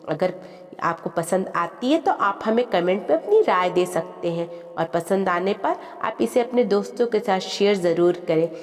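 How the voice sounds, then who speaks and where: A woman narrating a family moral tale in a steady, plain storytelling manner, then asking listeners to comment and subscribe. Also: on the low side. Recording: long reverb with background music.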